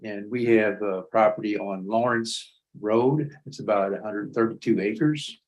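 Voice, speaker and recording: A man making a public comment at a county meeting, halting and repeating words as he builds his point. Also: on the low side, poor audio.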